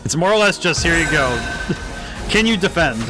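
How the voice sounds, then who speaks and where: A man's voice: on the high side, animated, normal speed. A man giving casual live game commentary as a streamer, enthusiastic and thinking aloud. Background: game music.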